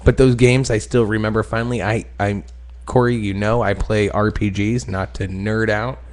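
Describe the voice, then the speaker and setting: A man co-hosting a podcast in casual chat, excitable, joking and profane. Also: fairly low pitch, moderate pace. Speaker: podcast co-host.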